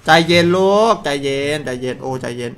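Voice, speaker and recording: A man calling his own mobile game match, swearing, teasing, and yelling at his teammates. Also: medium pitch, a little fast, faint music behind. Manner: loud, crude, joking, shouts at teammates. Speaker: gaming streamer. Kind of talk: excited live game commentary.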